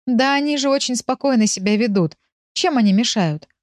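Audiobook figure: a talkative young mother, pitched up, exasperated, voiced by a woman narrator. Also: a little fast, darkish tone, no echo, clean studio sound, close to an everyday voice. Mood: indignant.

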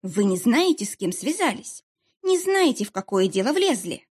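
A woman's voice: fairly high pitch, very animated, normal speed, husky, pitched above the performer's own voice. A woman voicing a frightened but defiant captive woman who answers curtly. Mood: tense defiance. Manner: tense, curt.

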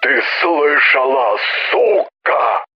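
An actor playing a menacing anonymous male caller whose dry, scraping voice comes through distorted and metallic, repeating a slow threat. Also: a little high, lively intonation, soft background music. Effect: distorted metallic phone voice. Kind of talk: audiobook drama. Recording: dull lo-fi phone recording.

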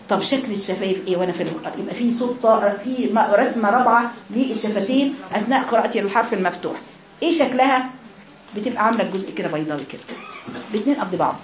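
Woman with an egyptian accent teaching girls recitation, talks fast, sounds out each vowel. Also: on the high side, echoey room. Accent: Egyptian Arabic. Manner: demonstrates sounds, speaks to girls. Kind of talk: recitation lesson.

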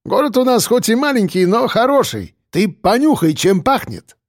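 A chatty, hospitable cab driver with a light Caucasus accent, as an audiobook reader puts him on. He talks warmly and stays unflappable, his voice lifted up high and swinging lively. The reading sounds close and dry. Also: moderate pace, dry recording. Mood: friendly, hospitable. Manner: warm, chatty, unflappable, calls people dear. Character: cheerful hospitable middle-aged male cafe owner driving a cab. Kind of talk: audiobook character voice.

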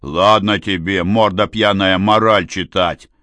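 A man's voice: sits low, fairly even intonation, measured pace, bright, forceful tone, no echo. A man doing a crude, growling racketeer. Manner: growling, rude. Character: rough red-haired male racketeer, crude. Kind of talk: audiobook character voice.

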